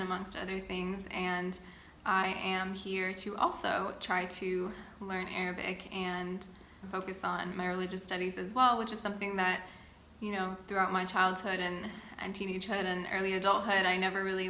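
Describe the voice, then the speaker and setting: Bright-voiced young woman chatting in an echoey room. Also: mid-range voice. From Boston area, United States. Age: 20s. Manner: chatty, reads questions then answers at length. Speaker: vlogger. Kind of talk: sit-down get-to-know-me chat. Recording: echoey room with faint ambient noise.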